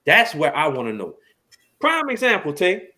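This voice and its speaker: A man co-hosting a casual podcast discussion, talking in an animated way and pushing his points with rising emphatic questions. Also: a little high, moderate pace. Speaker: podcast co-host.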